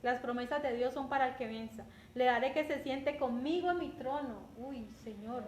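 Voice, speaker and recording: Una mujer con acento colombiano que predica un sermón en tono conversacional, repitiendo palabras y preguntando a menudo «¿cierto?». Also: female voice, sits high, moderate pace. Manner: conversational, repeats words, often asks "¿cierto?". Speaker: preacher. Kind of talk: sermon. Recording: echoey room with faint background noise.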